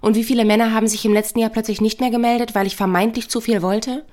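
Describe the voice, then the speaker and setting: A woman's voice: on the high side, little pitch movement, fast, darkish tone, natural voice. Woman voicing an angry, hurt young woman. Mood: bitter. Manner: reproachful, bitter.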